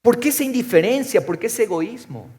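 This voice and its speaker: A man's voice: very high-pitched, lively intonation, fairly quick. Impassioned male pastor preaching a sermon. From Ecuador. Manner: impassioned preaching with rhetorical questions, swinging from loud to soft.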